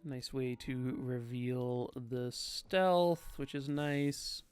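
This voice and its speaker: A man's voice: mid-range voice, extremely slow, a little mellow, smooth, faint music behind. Sleepy man thinking aloud over gameplay. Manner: thinking aloud, many ums, tired and yawning. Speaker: gaming streamer. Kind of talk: casual gameplay commentary.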